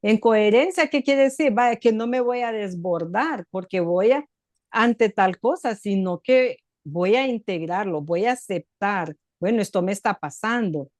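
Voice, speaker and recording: A woman's voice: medium pitch, measured pace, no room sound, clean studio sound. A middle-aged woman hosting a reflective talk, explaining ideas step by step and asking and answering her own questions. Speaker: host. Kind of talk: reflective talk on emotional growth.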